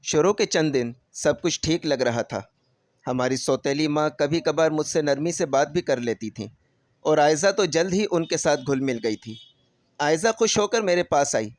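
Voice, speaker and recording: A man narrating a scripted first-person story in a steady, emotional storytelling manner. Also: fairly high pitch, no room sound, clean studio sound.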